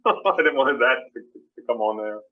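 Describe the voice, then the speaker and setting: A man's voice: mid-range voice, expressive, measured pace. Man on a muffled video call. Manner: plain, explanatory.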